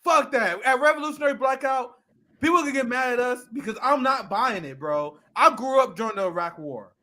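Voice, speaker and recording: A man's voice: very high-pitched, animated, brisk, sharp tone. A young adult man co-hosting a political commentary show, ranting in a heated, profane way. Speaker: co-host.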